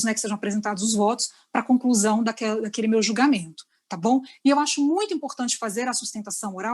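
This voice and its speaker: A woman's voice: a little high, a little mellow. A woman with a Brazilian accent giving an online lecture to lawyers, explaining step by step and often checking in with her listeners over a video call. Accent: Brazilian Portuguese.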